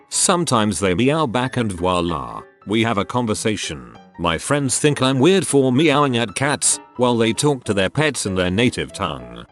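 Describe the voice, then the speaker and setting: A man reading online posts aloud as a scripted narration in an even, measured way. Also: fairly low pitch.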